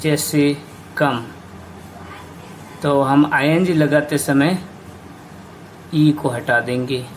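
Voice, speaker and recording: A man teaching an English grammar lesson, slowly explaining rules and spelling out words letter by letter. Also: a little high, fairly even intonation, a little hiss or hum.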